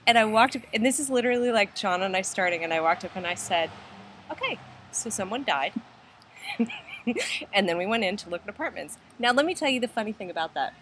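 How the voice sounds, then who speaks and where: A woman's voice: mid-range voice, expressive, fast, fairly bright tone, slight background noise. A middle-aged woman, chatting casually and telling stories with frequent laughter. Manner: chatty, laughs often, tells stories animatedly. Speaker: host. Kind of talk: casual chat.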